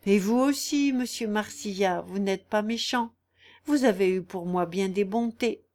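A woman reading aloud, voicing a gentle, candid young peasant girl in mourning, with an earnest manner. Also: medium pitch, natural voice.

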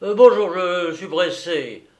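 A man voicing a flustered, jealous middle-aged husband who shouts and sputters with rage. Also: sits high, slow pace, pitched above the performer's own voice. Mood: furious.

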